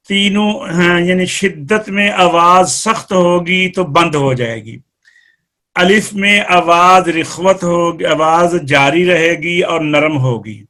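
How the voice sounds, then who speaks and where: A man's voice: on the high side, sharp tone. A man with a Pakistani Urdu accent teaching Quran recitation rules in a live class, explaining step by step and quizzing students by name.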